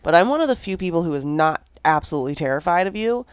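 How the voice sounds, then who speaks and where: A woman co-hosting a casual chat who speaks with blunt, quick wit and swears freely. Her pitch moves around a great deal as she talks. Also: expressive, clean tone, no room sound.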